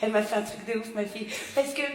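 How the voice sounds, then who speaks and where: Racing along in a fairly high-pitched voice with fairly even intonation, a woman in her forties works the crowd and spins chatty, self-mocking stories, laughing frequently. She performs stand-up on a theater stage to a live audience, and loud laughter and crowd noise dominate the live recording.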